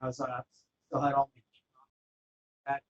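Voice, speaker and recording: A man, a guest in a casual interview, telling his story in a relaxed, rambling way full of fillers. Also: medium pitch, moderate pace, dull audio. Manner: relaxed and rambling, with many fillers like "you know".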